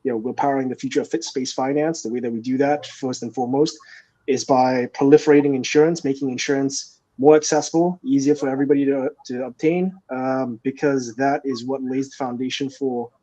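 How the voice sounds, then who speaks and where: A man's voice: mid-range voice, fairly even intonation, dark tone. Man on a dull remote line. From Singapore. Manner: measured, explanatory, frequent fillers. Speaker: guest, company founder. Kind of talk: interview answers.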